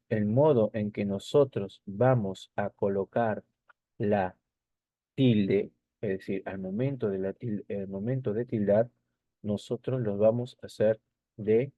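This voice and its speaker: Male teacher, mellow tone, dry close sound; patient lesson delivery with repeated checks. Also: lowish voice, steady tone, slow, no echo, dull audio. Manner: repeats key points with tag questions. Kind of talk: recorded language lesson over slides.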